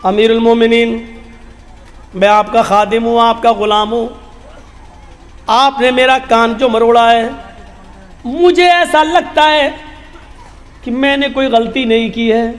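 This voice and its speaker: A man's voice: extremely high pitch, fairly even intonation, pauses often, voice pushed down. A man voicing a humble, deferential male servant who pleads earnestly, retold in a sermon with long hall reverb. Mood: pleading.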